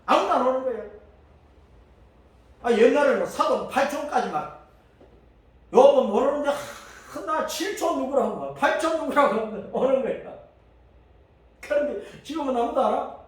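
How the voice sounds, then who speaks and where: A male pastor preaching a sermon, animated and often acting out the voices of the people he quotes. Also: extremely high pitch, moderate pace, long pauses. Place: church sanctuary. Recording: echoey church hall from far off.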